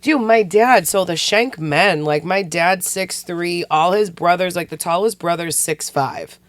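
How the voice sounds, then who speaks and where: A raspy, hoarse man co-hosting a podcast in a joking, chatty way. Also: sits high, a little slow, a bit bright, no echo. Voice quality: raspy, smoker-like voice. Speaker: podcast co-host. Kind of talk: casual chat.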